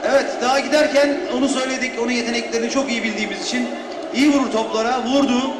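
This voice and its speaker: A man's voice: extremely high pitch, steady tone, rapid-fire. A man giving unscripted match analysis as a football co-commentator. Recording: echoey, noisy stadium broadcast with crowd. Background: loud crowd and stadium noise.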